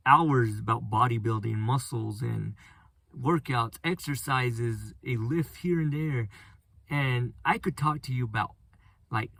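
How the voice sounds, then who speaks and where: A man with a gravelly, flat monotone voice talks through a casual solo podcast, rambling and restarting his sentences as he goes. The recording is dry and close, with no room sound. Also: medium pitch, no room sound. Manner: rambling, halting with frequent restarts. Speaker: podcast host.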